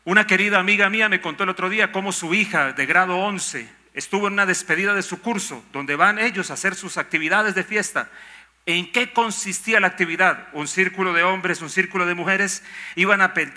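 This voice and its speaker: A man's voice: sits high, fairly quick, bright, forceful tone. An older man, a pastor preaching a sermon emphatically, with rhetorical questions and mock objections.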